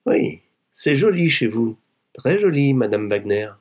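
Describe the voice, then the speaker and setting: A man's voice: deep voice, lively intonation, normal speed, slightly rough, lo-fi sound. A man playing a sneering blackmailer woman. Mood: mocking. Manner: mocking, overly familiar, coolly demanding. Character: insolent, coarse blackmailing poor woman. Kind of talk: audiobook reading.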